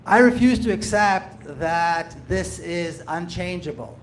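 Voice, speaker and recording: Speaking slowly and with animation, an activist from Jerusalem addresses the room from the audience in a high-sitting voice. His public comment is impassioned, earnest and emphatic, with frequent repeated phrases, and a little hiss or hum runs under the recording.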